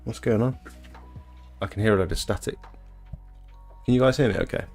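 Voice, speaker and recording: Talking fairly quickly in a low, darkish voice, a thirties British man hosts a casual live stream, with soft music in the background. He works in exterior cleaning and rambles from a small home bedroom serving as an office, reading comments out and responding.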